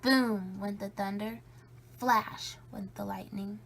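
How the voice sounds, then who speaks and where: A woman reading a children's story aloud in a playful, spooky way, with drawn-out emphasis and a creaky edge. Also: medium pitch, fairly even intonation, a bit bright, a little hiss or hum. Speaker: storybook reader.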